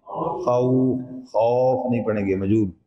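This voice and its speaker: A man's voice: mid-range voice, steady tone, measured pace, lo-fi sound. A man teaching recitation, patiently explaining each sound and quizzing his students, sometimes chanting verses in a long melodic tone. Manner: patient, explains letter by letter and asks the class questions. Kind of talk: recitation pronunciation lesson.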